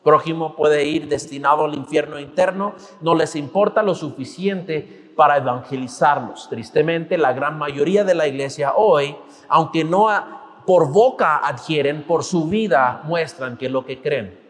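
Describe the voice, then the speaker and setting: A man with a high voice preaches a sermon, pressing his points with rising and falling emphasis. His voice carries a long reverb from the church hall around him. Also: a little slow, a bit bright. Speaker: pastor.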